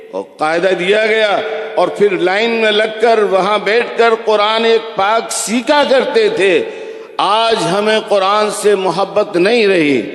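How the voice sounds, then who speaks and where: A man preaching a sermon in a mosque, telling stories and slowly chanting recitation examples. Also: high voice, a bit bright. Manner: storytelling, slows to chant Quran recitation examples. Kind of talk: religious sermon. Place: large echoing mosque hall. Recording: echoey hall reverb.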